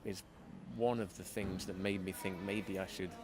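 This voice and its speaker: A man's voice: low voice, level tone, normal speed, a crowd in the background. A man chatting casually as an interview guest, self-deprecating and full of restarts. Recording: loud street and traffic noise.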